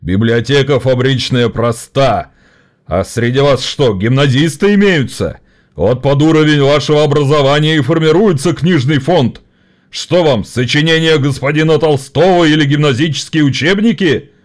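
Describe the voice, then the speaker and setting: A man voicing a pompous, well-dressed factory boss who bellows in a cracked bass in an audiobook. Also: moderate pace, natural voice.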